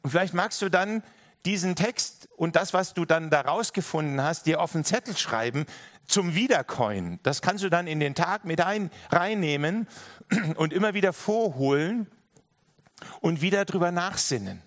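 A man preaching a sermon, earnest and direct, with a fairly high voice. He talks straight to the congregation and circles back over his key phrases again and again. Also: expressive, moderate pace. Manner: earnest, direct address with many repeated phrases.

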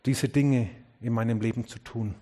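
A pastor preaches to his congregation at a normal pace, addressing them directly and asking earnest questions. His intonation is fairly even with a breathy edge, though he drops low and quiet on key words and rises when urging them on.

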